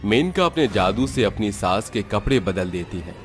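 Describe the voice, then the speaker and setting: Man with a low voice narrating a cartoon story. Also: very animated, moderate pace. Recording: soft music behind.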